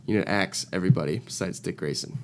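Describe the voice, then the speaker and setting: A man's voice: low-pitched, fast. A hungover man co-hosting a casual podcast, griping bluntly in slangy, rambling talk. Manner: hungover, feeling awful. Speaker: podcast co-host. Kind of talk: casual chat, opinionated rambling.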